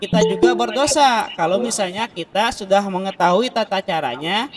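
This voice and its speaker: Male teacher, higher voice, patient, stretches out recited examples; hissy, clicky video-call audio. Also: animated, moderate pace. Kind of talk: online class lesson on Quran recitation.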